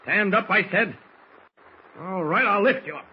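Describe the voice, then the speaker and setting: An actor playing an unflinching government agent hero in an old radio serial, speaking with firm, clipped defiance. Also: male voice, high-pitched, a little slow, breathy edge, exaggerated voice. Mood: commanding. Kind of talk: 1940s radio serial acting. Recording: muffled, hissy old radio recording.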